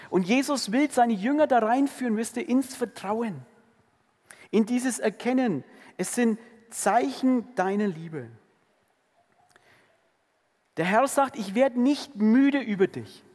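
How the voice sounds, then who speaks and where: High-voiced preacher in a reverberant hall. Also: male voice, expressive, measured pace. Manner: earnest, swings between emphatic and hushed. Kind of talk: sermon.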